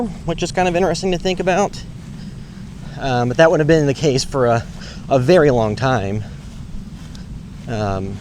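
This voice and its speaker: A man's voice: mid-range voice, darkish tone. A man narrating casually and unscripted as he explores, in a hesitant, rambling, matter-of-fact way. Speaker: vlogger exploring a park. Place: outdoors in a park. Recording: clear outdoor ambient noise. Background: outdoor ambience, road noise.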